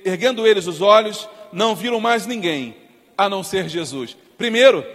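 A man preaches a fervent sermon in a very high voice. He swings between shouts and hushed passages. Long reverb trails behind him, as in a large hall. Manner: impassioned, shouting and dropping to soft tones. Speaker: pastor. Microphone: streamed to viewers at home.

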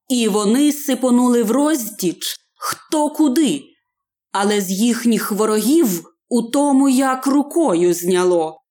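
A woman narrating a fairy-tale audiobook in a deliberate storytelling manner. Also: a little high, a little mellow.

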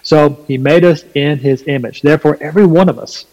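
A man with a Southern US accent and a slight twang, explaining his faith emphatically and deliberately in a preaching style during a conversation. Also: fairly high pitch, a little mellow, highs cut off. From North Carolina, USA. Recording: long hall reverb.

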